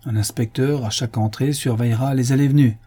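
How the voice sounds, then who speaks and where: A man narrating a French detective novel as an audiobook, in a measured storytelling manner. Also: medium pitch, fairly even intonation, mellow, slightly rough. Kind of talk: scripted narration.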